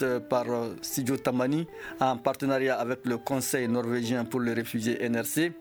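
A man reading the formal closing announcement of an educational radio program, with steady delivery and a few small hesitations. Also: medium pitch. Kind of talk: scripted broadcast sign-off. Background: faint music.

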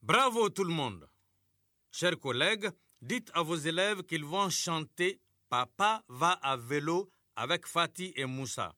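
Slow, bright-voiced radio teacher. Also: male voice, fairly high pitch, animated, no echo, clean studio sound. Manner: slow, clear, patient classroom delivery. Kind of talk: scripted radio lesson for primary pupils.

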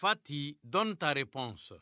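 A man teaching a scripted radio lesson to primary pupils, speaking slowly, clearly and patiently. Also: on the high side, big pitch swings, bright, forceful tone. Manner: slow, clear, patient classroom delivery.

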